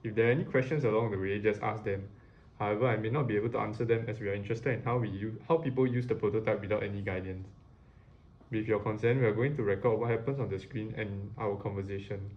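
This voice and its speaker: A man's voice: lowish voice, fast, highs cut off. A man moderating a usability test, reading out a briefing and task instructions.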